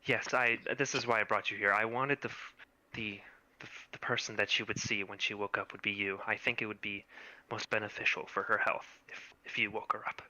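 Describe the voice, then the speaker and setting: A man's voice: fairly low pitch, little pitch movement, a little fast, pushed and bright, no room sound, rough recording. A man voicing a grave townsperson who speaks solemnly and formally. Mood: earnest.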